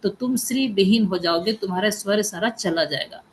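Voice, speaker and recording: A woman's voice: mid-range voice, normal speed, a little hiss or hum, close to an everyday voice. A woman voicing a stern old guru. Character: stern wise old guru, warning and cursing.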